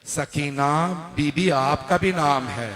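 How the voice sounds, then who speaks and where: A man from Pakistan delivering a mourning sermon, retelling scenes with voiced quotes, swinging from hushed low tones to loud drawn-out wailing cries. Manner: builds to high wailing cries, then drops to hushed quiet; urges the audience to look at him. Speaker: religious scholar preaching a majlis.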